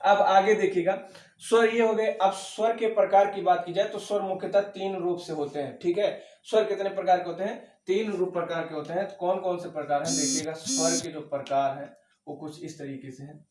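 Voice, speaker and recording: A man's voice: sits high, a little fast, a little mellow. A man teaching an exam-prep grammar lesson, asking questions and answering them himself, often checking with "okay". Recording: echoey room, mic at a distance.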